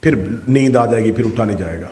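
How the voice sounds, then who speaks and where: A man's voice: lowish voice, animated. Impassioned man preaching to a congregation. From Pakistan. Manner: impassioned, swings from loud calls to hushed inner voices; addresses the audience directly with questions. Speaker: Shia preacher. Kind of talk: majlis sermon.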